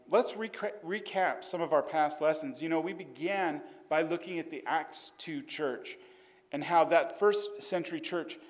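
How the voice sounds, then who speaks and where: A man's voice: fairly high pitch, big-room sound. A man preaching a sermon, telling a story in an earnest way, sometimes restarting his words. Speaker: pastor.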